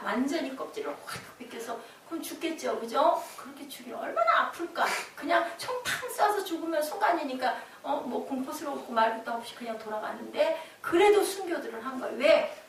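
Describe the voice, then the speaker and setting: A woman pastor preaching a lively sermon and quizzing the congregation. Her voice sits high and reaches the mic from a distance. The church hall echoes heavily, with a faint hiss beneath. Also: normal speed, few pauses. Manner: lively, quizzing the congregation with call-and-response questions. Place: church sanctuary.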